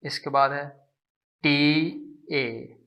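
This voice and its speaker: A man teaching a language lesson, explaining slowly and patiently and repeating syllables to demonstrate them. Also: mid-range voice, fairly even intonation, pushed and bright. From Pakistan.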